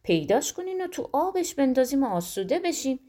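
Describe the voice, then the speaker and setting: A woman's voice: high voice, sing-song, warm tone, voice pushed up. A woman reading a storybook, voicing a ship captain who calls out urgent orders. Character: gruff ship captain, middle-aged man, bossy.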